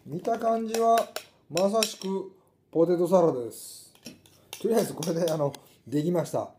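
Middle-aged kansai guy muttering through a home food vlog, really mellow voice, bit of room noise. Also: fairly high pitch. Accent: Kansai Japanese. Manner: muttering to himself as he works. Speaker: food vlogger. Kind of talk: casual chat while cooking and tasting. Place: small indoor room at a table.

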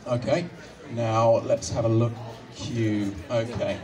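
On an outdoor stage at night, a young man with a mid-range voice and fairly even intonation guides someone through solving a cube on a handheld mic. He's patient and polite, giving slow step-by-step instructions with soft laughs. The distant mic also picks up crowd noise and music.

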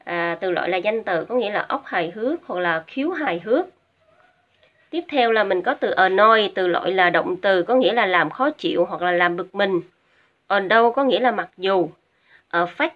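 A woman teacher with a Vietnamese accent, explaining English words in a patient, step-by-step way with small hesitant fillers. Her voice sits at an ordinary middle pitch. The recording is dull and lo-fi. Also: lively intonation, moderate pace. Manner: patient, repeats each word twice for pronunciation drill. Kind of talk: recorded vocabulary lesson for students. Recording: dull lo-fi audio.

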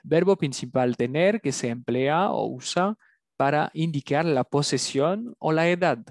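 Slow, patient male teacher. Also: a little high, dry recording, studio quality. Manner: slow, patient drilling, repeating words. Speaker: French teacher. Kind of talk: language lesson.

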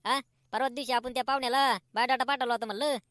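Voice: medium pitch, fairly even intonation, very fast, fairly bright tone, dry recording, studio quality, lightly acted. An actor voicing a nosy, teasing village neighbor in a cartoon comedy. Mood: gossiping.

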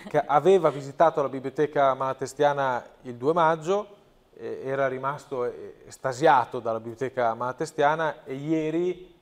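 A man's voice: mid-range voice, normal speed. A man talks in a TV studio. He is earnest and pushes his points hard, with frequent restarts and repeated words. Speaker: provincial president, guest. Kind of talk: talk show interview.

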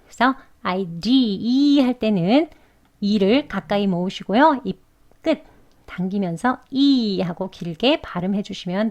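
A woman's voice: medium pitch, highs cut off. A woman teaching English pronunciation in Korean, explaining mouth shapes patiently and saying each example word twice. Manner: patient, demonstrates sounds slowly and repeats each word twice. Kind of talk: slow instructional explanation with repeated example words.

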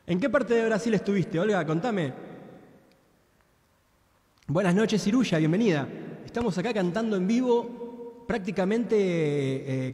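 A man in his thirties with an Argentine Spanish accent chats casually with viewers during a live-stream singing session, switching between Spanish and Portuguese and searching for words. His voice sits high and a little mellow, with long reverb, in a small indoor room with a virtual beach backdrop.

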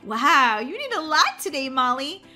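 A woman's voice: sits high, sing-song, unhurried, pushed and bright, soft background music, exaggerated voice. A woman voicing a patient daycare teacher who talks in soothing, sing-song baby talk in a children's toy story.

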